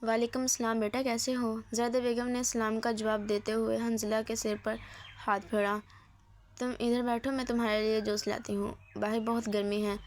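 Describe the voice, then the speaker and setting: A woman's voice: a little high, level tone, darkish tone, slight background noise. A woman reading a romance novel aloud as narrator, voicing every character's lines in her own voice.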